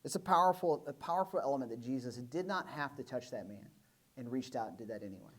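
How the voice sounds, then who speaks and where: A man's voice: medium pitch, animated, quick pace. A young adult man preaching a sermon in a church, talking in a casual, conversational way and acting out voices of the people in the story. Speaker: pastor.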